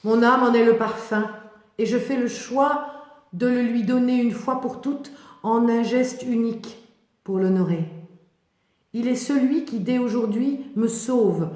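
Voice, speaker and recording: Biblical monologue: devoted, defiant outcast woman acted by a woman, fairly high voice, solemn emphatic declamation, unhurried. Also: a little mellow, close to an everyday voice. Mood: fervent. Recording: echoey, reverberant room.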